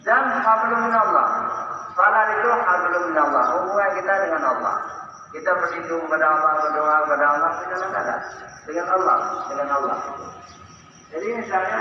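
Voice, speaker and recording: A man's voice: on the high side, background noise. A man giving a sermon in a large mosque hall, quoting Arabic verses and translating them. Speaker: preacher. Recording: echoey hall from far off, dull.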